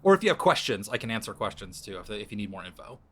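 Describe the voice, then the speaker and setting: This podcast host bounces story pitches off his co-hosts in loose banter, reasoning aloud and backing up to rephrase again and again. He speaks fast in a sing-song way, sounding a little bright.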